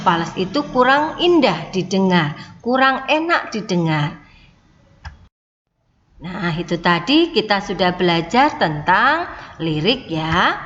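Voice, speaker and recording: A woman's voice: mid-range voice, very animated, takes it slowly, pauses often, a bit bright, in a large hall, highs cut off, slight background noise. A woman teaching a class of young children online, explaining patiently and often saying "nah" and "ya". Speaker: primary school teacher.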